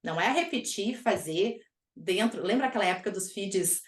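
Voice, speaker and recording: An energetic woman hosts a podcast conversation in a casual, emphatic way. Her voice sits at an ordinary middle pitch. The room around her gives a noticeable echo. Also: moderate pace. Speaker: podcast host. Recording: echoey room.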